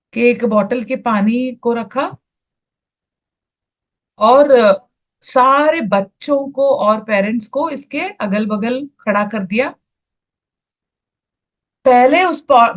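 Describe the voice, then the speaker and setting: Slow-talking woman teaching on a call. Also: a little high, dull audio. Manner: unhurried, repeats words with many restarts and fillers. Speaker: wellness session presenter. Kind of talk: explaining slides in an online health session. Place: online video call.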